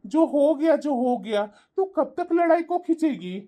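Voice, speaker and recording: A woman voicing a middle-aged husband in a cartoon who tries to calm his wife's quarrel. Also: high-pitched, measured pace. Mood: soothing. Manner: soothing, dismissive. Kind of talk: animated cartoon voice acting.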